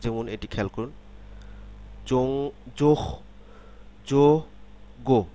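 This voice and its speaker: A man's voice: medium pitch, fairly even intonation, takes it slowly, mellow, clean tone. A man giving a step-by-step pronunciation lesson, repeating each example sound several times and asking checking questions. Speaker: language teacher.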